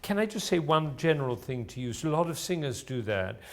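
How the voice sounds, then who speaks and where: A man's voice: a little high, big pitch swings, fairly quick. A man teaching a voice masterclass in front of an audience, encouraging the singer and explaining as he goes. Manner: encouraging, explanatory, demonstrates sounds and phrases. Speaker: music teacher giving a voice masterclass. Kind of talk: live coaching of a singer before an audience. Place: room with an audience present.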